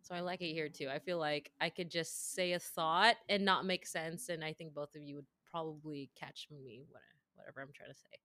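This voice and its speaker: A woman's voice: low-pitched, fairly even intonation, normal speed, few pauses, sharp tone, no echo. A woman co-hosting a podcast in casual chat, who laughs often and talks in a scattered way. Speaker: podcast co-host.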